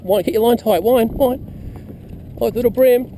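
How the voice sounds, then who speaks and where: A man coaching a young child through landing a fish outdoors, encouraging, repeating instructions and whooping with excitement. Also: very high-pitched, moderate pace, poor audio. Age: adult. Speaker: uncle coaching a child fishing. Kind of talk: excited on-the-water fishing coaching. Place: outdoors on the water, fishing boat. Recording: loud wind and water noise outdoors.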